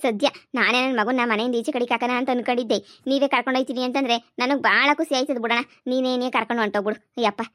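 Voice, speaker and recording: A woman's voice: fairly high pitch, fairly even intonation, a bit bright, no echo, studio quality, close to an everyday voice. A woman voicing a stubborn, election-obsessed mother in a cartoon comedy, scolding and grumbling. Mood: defiant. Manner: scolding, grumbling, fast and defiant.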